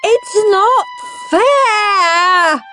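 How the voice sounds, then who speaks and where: A woman voicing a bratty, loud young schoolboy who howls and whines. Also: a little high, very animated, slow, faint music behind. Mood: whining. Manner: howling, whiny, screeching.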